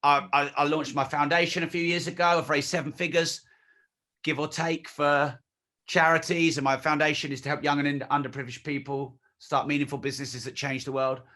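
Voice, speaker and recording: A man's voice: on the high side, little pitch movement, brisk, bright, forceful tone. A man in his forties, a guest in an interview, talking bluntly and emphatically and swearing freely. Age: 40s. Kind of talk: candid conversational interview.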